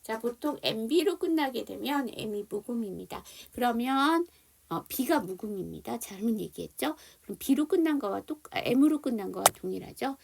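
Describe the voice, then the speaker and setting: A woman's voice: a little high, expressive, moderate pace, creaky, a little mellow, slight background noise. A woman teaching an online English phonics lesson, explaining spelling and sounds and leading students through repetition drills.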